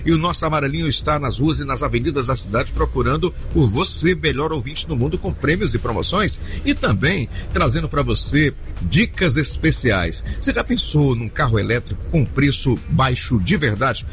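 A man's voice: mid-range voice, expressive, normal speed, fairly bright tone, slight background noise. A Brazilian man presenting live radio promotions in an enthusiastic, hearty way. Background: faint music bed.

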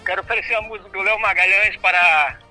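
A man's voice: high-pitched, fast, bright, forceful tone, soft background music. A man calling in to a radio show, speaking in a friendly, effusive way with his phone held away from his mouth so his voice sounds distant. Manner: friendly and effusive, repeats "meu amigo". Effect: phone held away from the mouth, distant thin phone voice. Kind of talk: casual phone call.

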